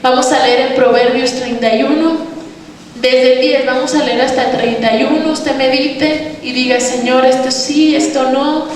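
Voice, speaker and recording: A Mexican woman missionary preaches with a high voice, earnestly telling a testimony to her congregation. Her voice rings through a big church hall, heard from far off the mic. A faint ambience sits beneath it. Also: fairly even intonation, moderate pace, slight background noise. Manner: earnest testimony, addressing the congregation as brothers and sisters. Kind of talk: sermon. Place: church sanctuary.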